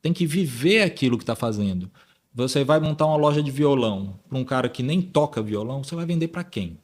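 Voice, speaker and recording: A man's voice: mid-range voice, brisk. A man from Brazil hosting a podcast, chatting casually and acting out the dialogue when he tells stories. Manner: lively storyteller who acts out dialogue. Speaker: podcast host.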